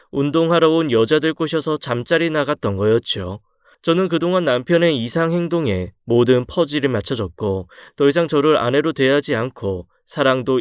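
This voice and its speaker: Male story narrator, expressive and earnest, animated pitch, dry close sound. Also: clean tone, no echo. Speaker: story reader. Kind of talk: dramatized first-person story reading.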